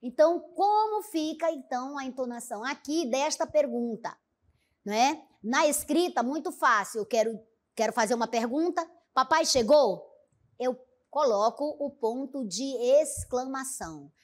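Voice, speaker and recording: A woman's voice: high voice, lively intonation, moderate pace. A woman teaching a grammar lesson, reading examples aloud with exaggerated intonation and often checking in with the listener. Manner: didactic, checks in with "né?" and "certo?".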